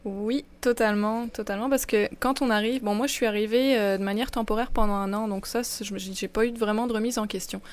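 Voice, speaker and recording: A woman's voice: mid-range voice, fairly even intonation, fast talker, hardly any pauses. A woman from France, a guest on an interview program who talks about her experience in a thoughtful, searching way with frequent restarts. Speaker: guest, immigration project officer. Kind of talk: conversational interview.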